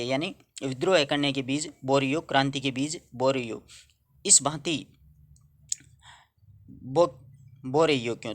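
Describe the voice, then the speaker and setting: A man's voice: medium pitch, a bit bright. Man explaining a Hindi poem line by line. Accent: Rajasthani-tinged Hindi. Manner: reads a verse, then explains it in plain words with questions to students. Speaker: Hindi literature teacher.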